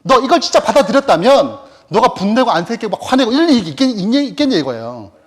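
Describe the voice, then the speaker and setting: A man teaches Scripture in a lecture, firing off rhetorical questions and answering them himself. His voice is high, husky and full of rise and fall. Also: big pitch swings, fast. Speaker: Bible teacher. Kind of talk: Bible study lecture.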